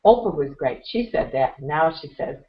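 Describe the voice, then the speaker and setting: A woman with a hoarse, fading voice, speaking as an interview guest and giving earnest, motivational advice about meditation. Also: low voice, expressive, moderate pace, dull audio. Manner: earnest, motivational, frequent throat-clearing. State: hoarse, losing her voice.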